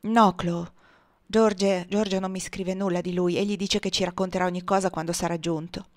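A woman voicing a gentle, grave middle-aged mistress of a household who speaks softly and consolingly. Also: lowish voice, steady tone, moderate pace, lightly acted. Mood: calm. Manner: soft, consoling.

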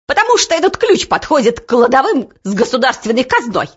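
A woman voicing a scheming, ruthless male chief minister who talks in a low, menacing voice that shakes with rage. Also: very animated, fairly quick, slightly rough, exaggerated voice. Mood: shrill fury. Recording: dull lo-fi audiobook recording.

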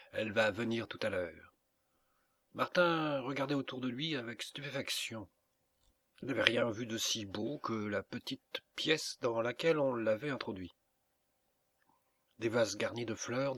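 Un homme qui lit à voix haute un récit littéraire pour un livre audio, d'un ton mesuré. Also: male voice, medium pitch, fairly bright tone. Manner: measured, unhurried. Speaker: audiobook reader. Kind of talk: scripted narration.

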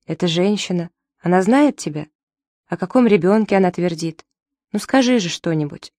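A woman's voice: lowish voice, lively intonation, moderate pace, warm tone, no echo, lightly acted. A woman reading the part of a desperate young man who pleads urgently with his mother. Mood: pleading.

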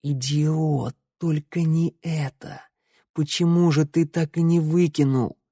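A man voicing a hoarse, menacing young loner. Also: deep voice, fairly even intonation, a little slow, no echo, clean studio sound. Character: sullen, hoarse young man, quietly threatening.

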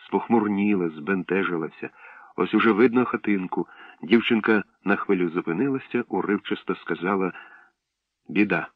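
A man reading a story aloud in a measured, expressive narration. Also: low-pitched, no echo. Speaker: audiobook narrator. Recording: dull lo-fi, dry.

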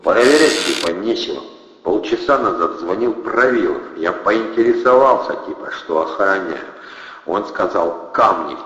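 A man's voice: low-pitched, normal speed. A man doing a grim, slangy guard. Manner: flat, speaks with filler slang. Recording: dull, roomy, long reverb.

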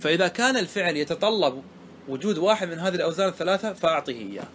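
A man's voice: on the high side, big pitch swings, rapid-fire, fairly bright tone, a little hiss or hum. A man teaching Arabic grammar, patiently asking and answering his own questions as he explains a verse poem.

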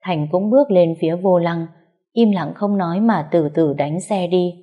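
A woman's voice: lowish voice, normal speed, highs cut off. A woman narrating a sad first-person story in a sorrowful, tender way.

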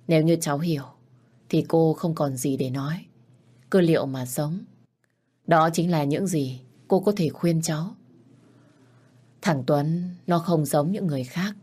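A woman's voice: low voice, warm tone, slightly rough. A woman voicing a weary older mother who gives grave advice.

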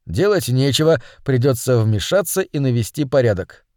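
A man narrating a novel as an audiobook reader in an even storytelling manner. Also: medium pitch, normal speed, dry recording. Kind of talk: scripted narration. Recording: dry close studio sound.

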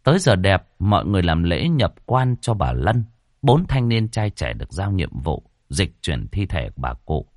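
A male storyteller reading a ghost story in a low, lively voice that swoops up and down. He slows down for the suspenseful moments, recorded close and dry with no room sound. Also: dry recording.

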